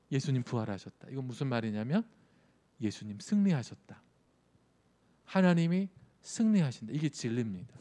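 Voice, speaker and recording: A male youth pastor whose voice sits on the high side and sounds a little mellow preaches in a conversational manner, regularly putting questions to those listening.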